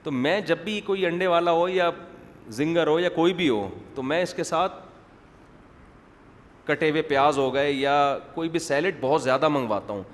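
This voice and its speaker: A man preaching in a humorous religious lecture, wandering off the topic and acting out quotes. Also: a little high. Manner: digressive, joking, acts out quotes. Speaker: Islamic preacher. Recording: reverberant hall, faint background noise.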